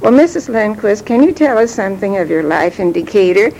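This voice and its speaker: A woman interviewer giving a measured, formal introduction, heard on an old tape recording from the 1980s with faint hiss and low rumble. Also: animated, warm tone, low-quality recording. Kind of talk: formal oral-history introduction.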